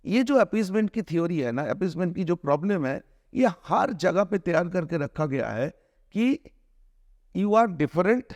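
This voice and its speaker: A middle-aged man from India speaks in a fairly high voice, pressing his case with earnest conviction. He keeps restarting phrases and stretching his hesitations before pushing on. The sound is dry and close, with no room around it. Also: expressive, darkish tone, no echo. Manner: earnest, argumentative, with frequent restarts and drawn-out hesitations. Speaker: film director, interview guest. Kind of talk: conversational interview, mixing Hindi and English.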